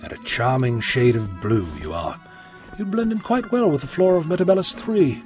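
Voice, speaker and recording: A man's voice: fairly high pitch, very animated, moderate pace, a little mellow, faint music behind. A man playing an eccentric, flippant time-travelling doctor in an audio drama, theatrical and playfully sarcastic. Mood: teasing.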